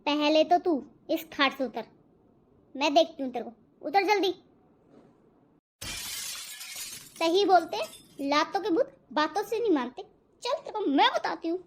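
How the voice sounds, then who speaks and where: A sharp-tongued young wife from a cartoon, voiced by a woman. Her high voice is shrill and scolding, quick with sarcasm and threats. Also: lively intonation, slight background noise. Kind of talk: cartoon voice acting.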